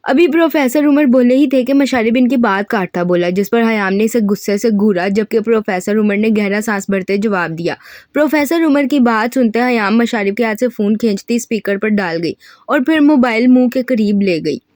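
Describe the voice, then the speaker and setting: A woman narrates a novel as an audiobook, telling the story in a steady, even way. Her voice sits somewhat high and the recording is dry and close. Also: moderate pace, no echo.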